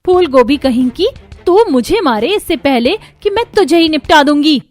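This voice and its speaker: A dramatic older mother-in-law in a cartoon story, voiced by a woman, scolding with loud exclamations in a raised, high voice. Soft music runs behind her. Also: expressive, moderate pace.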